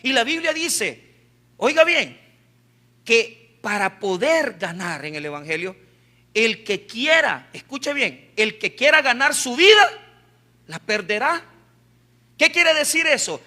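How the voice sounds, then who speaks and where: High-voiced impassioned male preacher. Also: big pitch swings, takes it slowly, pauses often. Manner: impassioned preaching, bursts of shouting, then dropping to quiet. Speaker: pastor. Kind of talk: sermon. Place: church.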